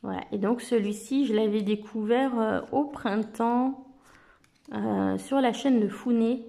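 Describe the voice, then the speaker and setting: A woman vlogger chatting casually to camera, relaxed, with many filler words as she presents card decks. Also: a little high, a little slow, gravelly.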